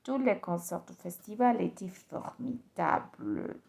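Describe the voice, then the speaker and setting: Slow, gravelly-voiced woman learning French. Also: mid-range voice, expressive, a little mellow. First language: Spanish. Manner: halting, repeats phrases, mutters to herself. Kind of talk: pronunciation practice.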